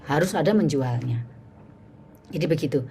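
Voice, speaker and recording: A woman's voice: deep voice, moderate pace, vocal fry, noisy background. A woman teaching public speaking in an online workshop over a video call, acting out little sales dialogues as she goes. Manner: animated, acts out sales dialogues.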